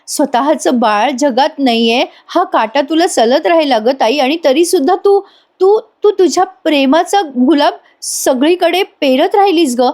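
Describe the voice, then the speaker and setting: A woman's voice: sits high, darkish tone, pitched above the performer's own voice. A woman reading the lines of a distraught young wife begging her sister-in-law's forgiveness, her voice pleading and breaking.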